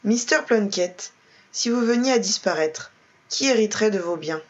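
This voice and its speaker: Woman reading a calm male investigator. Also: medium pitch, close to an everyday voice. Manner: measured, calm. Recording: roomy, dull lo-fi.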